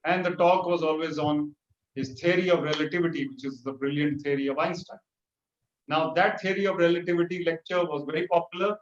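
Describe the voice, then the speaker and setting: A man speaking to teachers over a video call, telling an anecdote with animated storytelling and pitch lifts for punchlines. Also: brisk, slight background noise. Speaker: motivational speaker. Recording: roomy, dull video-call audio.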